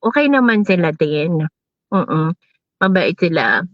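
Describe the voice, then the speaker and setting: Slow-talking woman, laughing chatter. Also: fairly low pitch, big pitch swings, no room sound, lo-fi sound. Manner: chatty, laughs often, mixes Tagalog and English. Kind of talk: casual chat. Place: abroad in New Zealand.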